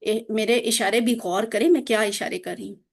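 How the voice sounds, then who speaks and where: A woman teacher giving a grammar lesson over a video link, drilling forms with slow, patient repetition. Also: fairly high pitch, creaky. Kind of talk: online Arabic grammar lesson.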